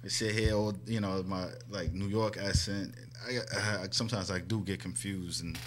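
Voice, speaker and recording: A man's voice: low-pitched, steady tone, normal speed, background noise. A man from New Jersey, a guest on a radio talk show, telling stories in an easygoing, casual way.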